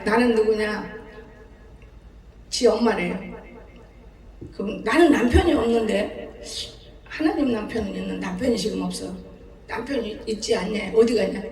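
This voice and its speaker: With a medium-pitched, darkish voice, a seventy-something woman preacher delivers a sermon full of homespun stories, laughing often along the way. She's recorded from afar in an echoing church hall.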